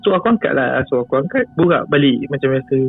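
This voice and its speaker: With a breathy edge and an animated, quick delivery at medium pitch, a Malaysian-accented guest storyteller casually describes a frightening experience. He repeats phrases and chuckles a lot. Soft music plays behind the tinny, phone-like recording.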